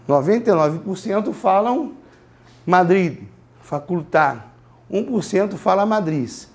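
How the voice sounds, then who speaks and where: A man from Brazil teaching Spanish in a classroom, explaining slowly, repeating words and asking students to say them back. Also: high voice, lively intonation, darkish tone. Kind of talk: classroom lecture.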